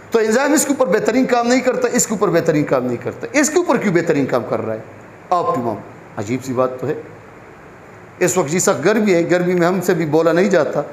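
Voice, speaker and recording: A man teaches a biology class. He asks questions and answers them himself. The room is echoey, with faint ambient noise behind him. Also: fairly high pitch. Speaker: biology lecturer. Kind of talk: classroom lecture.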